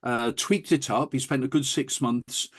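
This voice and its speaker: This man, a guest being interviewed who works as an audiophile recording producer, shares stories eagerly in lively, anecdotal conversation. He has a medium-pitched voice with a steady tone and talks at a normal speed.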